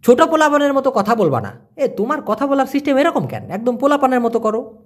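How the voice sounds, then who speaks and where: A man from Bangladesh, giving a casual language lesson and patiently repeating words slowly piece by piece. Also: extremely high pitch, sing-song. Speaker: language teacher.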